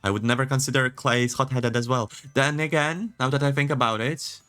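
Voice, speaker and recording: A man's voice: medium pitch, fairly even intonation, fairly quick, sharp tone, clear, resonant tone. A man doing a casual game playthrough, rambling and repeating himself as he reads dialogue aloud in an amateurish, hammy way and comments on it. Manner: rambling, self-interrupting, repeats words. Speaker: gamer reading a visual novel aloud. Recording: music behind the voice.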